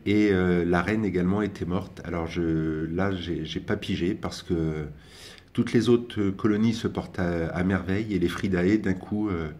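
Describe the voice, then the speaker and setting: A young man who vlogs about keeping ants comments casually while filming his colony, hesitating often with fillers and restarts. His voice is deep and a little mellow.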